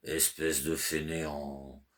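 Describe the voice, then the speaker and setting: A man's voice: extremely low pitch, level tone, slow pace, a bit bright, exaggerated voice. A man voicing a frantic, fussy middle-aged clerk who scolds and then coaxes his servant. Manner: agitated, scolding then coaxing.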